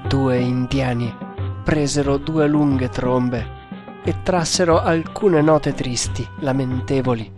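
A man reading an adventure novel aloud in a measured, dramatic storytelling manner. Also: mid-range voice. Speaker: narrator. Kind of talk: audiobook reading. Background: faint music.

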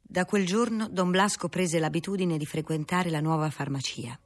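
A woman narrating a classic novel in a measured, steady reading voice, husky in tone. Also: on the low side.

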